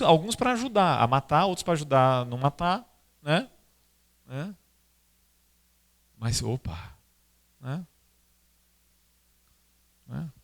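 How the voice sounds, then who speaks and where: An animated Brazilian man tells stories in an informal, conversational way with a Brazilian Portuguese accent. His pitch swings widely and he often uses tag questions.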